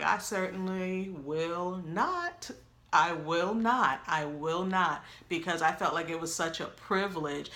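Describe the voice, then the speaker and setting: A woman's voice: deep voice, sharp tone. Emphatic middle-aged New woman. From New York. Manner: emphatic storyteller who acts out quoted lines. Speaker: co-pastor. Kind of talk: personal testimony to camera.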